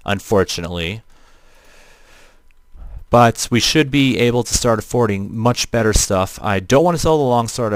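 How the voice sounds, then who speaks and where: Robotic-sounding man, low and clear. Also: no echo, clean studio sound. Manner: halting, repeats and rephrases as he goes. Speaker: livestreamer playing an online role-playing game. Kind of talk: casual gameplay livestream commentary.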